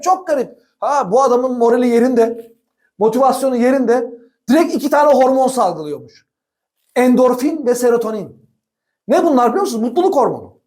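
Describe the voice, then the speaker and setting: A billiards coach talking straight to viewers in his own practice room, animated and chatty, often laughing and calling them friends. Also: very high-pitched. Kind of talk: instructional talk to camera.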